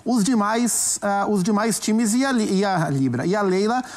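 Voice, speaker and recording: A man with a Brazilian accent giving his view as a commentator in a studio sports debate, measured and often restarting phrases as he thinks. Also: sits high. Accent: Brazilian Portuguese.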